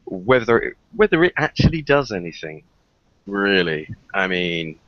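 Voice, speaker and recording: A man's voice: low voice, sing-song, a little slow, no echo, muffled recording. A man co-hosting a podcast, musing wryly in casual chat. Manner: wry, musing.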